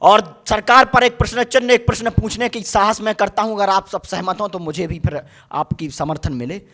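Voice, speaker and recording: A man's voice: sits high, normal speed, pushed and bright. A young man reciting poetry on a university stage, impassioned and chanting his verses with rising force. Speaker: poet.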